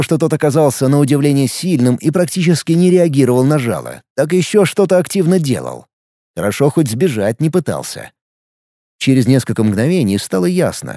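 A man giving expressive scripted narration of a fantasy audiobook. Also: on the high side, dry recording, clean studio sound.

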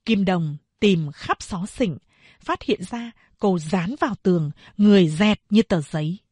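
A woman narrating an audiobook of a novel in a slow, steady storytelling voice. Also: mid-range voice, slightly rough, no room sound, clean studio sound.

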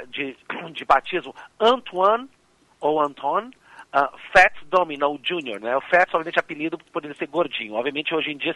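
Slightly hoarse Brazilian radio host. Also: male voice, a little high, fairly bright tone, no room sound, muffled recording. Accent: Brazilian Portuguese. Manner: rambling, many fillers and restarts. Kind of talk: casual radio music talk.

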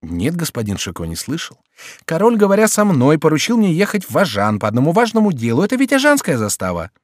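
A man's voice: a little high, wildly swooping pitch, no room sound, studio quality, pitched above the performer's own voice. A man playing a polite, fussy gate officer. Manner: courteous, apologetic, hurried.

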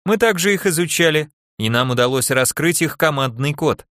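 A man voicing a calm, unflappable male alien ambassador in an audiobook, speaking in a measured, matter-of-fact way. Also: fairly high pitch, dry recording, studio quality.

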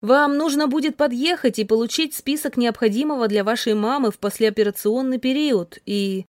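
Woman voicing a calm, reassuring doctor on the phone. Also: on the high side, no echo, clean studio sound, lightly acted. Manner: reassuring, brisk.

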